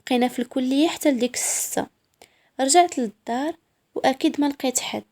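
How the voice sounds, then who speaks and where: A woman's voice: sits high, fast, a little mellow. A woman with a Moroccan accent narrating a first-person story in a proud, sassy way.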